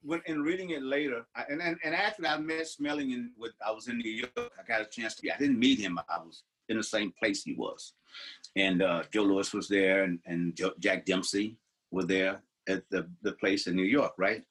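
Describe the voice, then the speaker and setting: As a podcast co-host, an older American man rambles through stories in casual talk, often restarting his sentences. His voice is on the low side, husky and fairly bright, at a moderate pace, on a low-quality recording.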